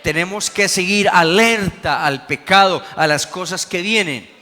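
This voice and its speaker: Pastor guy preaching, bright ringy voice, big church reverb. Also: high-pitched, a little slow. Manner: preachy, emphatic, frequent "amén, hermanos". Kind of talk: Sunday school sermon.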